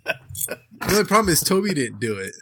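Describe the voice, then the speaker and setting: A man's voice: a little high, sing-song, moderate pace, bright, forceful tone, a little hiss or hum. A man co-hosting a beer podcast, chatting casually and rambling with restarts and fillers. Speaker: podcast co-host. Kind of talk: casual chat.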